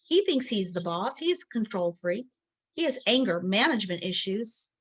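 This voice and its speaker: A woman's voice: mid-range voice, sing-song, moderate pace, a bit bright, husky. A middle-aged woman teaching a recorded training lesson, chatty and candid, with many fillers and quoted asides. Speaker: training instructor.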